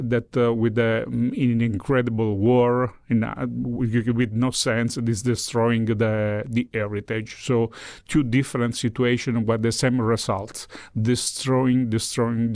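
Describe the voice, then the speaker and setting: A man's voice: medium pitch, darkish tone, dry recording, clean studio sound. A man who speaks English as a second language, answering in an interview, searching for words and repeating them for emphasis. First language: not English. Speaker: interviewee, representative of a cultural foundation.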